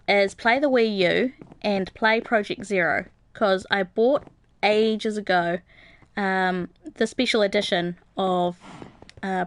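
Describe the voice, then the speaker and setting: Smooth-voiced woman chatting on a live stream. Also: mid-range voice. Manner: chatty, many ums and uhs, reads out viewer comments, light laughs. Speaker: gaming livestreamer. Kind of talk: casual live-stream chat while playing.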